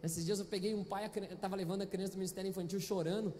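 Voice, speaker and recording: In a church auditorium, a male pastor with a Brazilian Portuguese accent preaches a Sunday sermon into a handheld microphone, chatty and playful, often questioning the congregation. His high voice races along with fairly even intonation and a slightly mellow quality, trailed by a long reverb.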